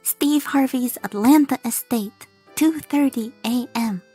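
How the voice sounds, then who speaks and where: A woman's voice: a little high, a little slow, warm tone, slightly rough, soft background music. A woman VTuber reading comedic fan fiction aloud, stumbling over lines and correcting herself. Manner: stumbling, self-correcting, laughing reader.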